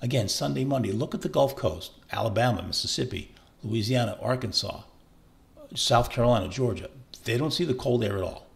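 A man's voice: mid-range voice, fairly quick, vocal fry. A man walking through weather maps in a chatty forecast, rambling and often correcting himself. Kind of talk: casual forecast walkthrough over maps.

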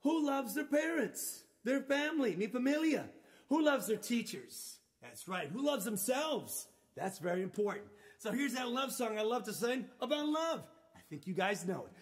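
Singing into a live-stream mic over a loud acoustic guitar, this children's musician keeps a sing-song lilt in his very high voice at a moderate pace. He runs a playful, upbeat sing-along for kids and calls out to the young audience.

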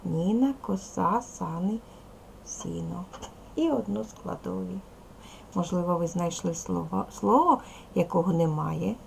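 A woman's voice: lowish voice, a little slow, vocal fry, slight background noise, rough recording. A woman with a Ukrainian accent teaching young children in a recorded video lesson, patient and speaking to them directly. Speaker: primary school teacher.

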